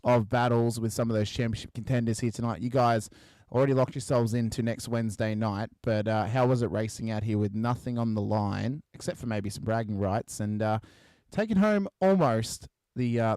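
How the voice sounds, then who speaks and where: A man's voice: on the low side, fairly quick, darkish tone, dry recording. Matey Australian man hosting post-race interviews. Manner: matey and chatty, lavish with congratulations.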